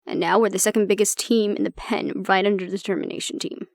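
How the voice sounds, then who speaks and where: A woman in an audio roleplay acts as an exasperated, blunt agent venting to the listener about her stubborn, disapproving father, speaking intimately, sardonically and conversationally, with swearing. She sounds reflective and explaining. Her mid-range, creaky voice is brisk and fairly even in intonation, lightly acted, with studio quality and no echo.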